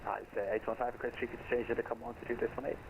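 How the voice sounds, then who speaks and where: Male pilot, clipped readbacks, fast, pilot headset radio, heavy background noise. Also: mid-range voice, little pitch movement. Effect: heard over a pilot radio headset. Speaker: flight simulator pilot on air traffic radio. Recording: noisy, muffled pilot radio transmission.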